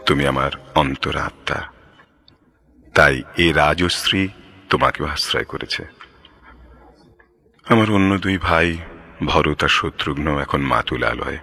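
An actor playing a noble, dutiful prince in a mythological audio drama, speaking with solemn, formal, measured delivery. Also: male voice, sits low, bright, forceful tone, full character voice. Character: noble, dutiful prince Rama, devoted son and brother.

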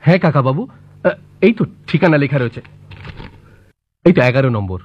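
A man's voice: medium pitch, expressive, fairly quick, breathy edge, soft background music. An actor playing a deferential, slightly flustered young man in a comic audio drama. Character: hesitant, dutiful young nephew-like male companion. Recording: dull lo-fi recording.

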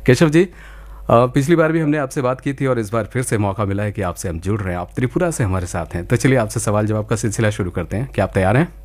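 A man's voice: lowish voice, quick pace. A man hosting a live radio phone-in quiz, politely encouraging and wordy, slipping some English into his talk.

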